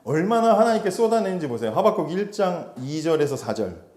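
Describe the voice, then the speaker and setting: Male pastor, slightly higher voice, chatty sermon delivery that quizzes the room and slips into acted voices; echoey hall. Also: sing-song, a little fast, a little mellow. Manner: conversational, asks the congregation questions; acts out quoted voices with sudden shifts. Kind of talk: sermon to a youth congregation.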